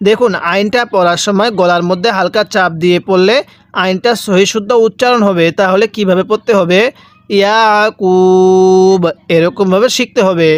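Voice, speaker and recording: A man teaching Quran reading. He recites each word slowly and drawn-out, then explains the rules patiently and repeats them. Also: high voice, no room sound. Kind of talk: step-by-step recitation lesson.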